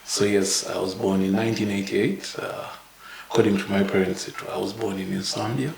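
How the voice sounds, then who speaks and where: A man in his thirties from Uganda, a podcast guest telling his life story in a halting way with many fillers and little chuckles. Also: on the low side, fairly even intonation, gravelly, reverberant, slight background noise, low-quality recording. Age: 30s. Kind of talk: casual interview, life story.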